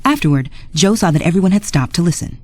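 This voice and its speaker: A woman narrating a storybook read-along in a lively, expressive way, with soft music behind. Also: lowish voice, fast talker.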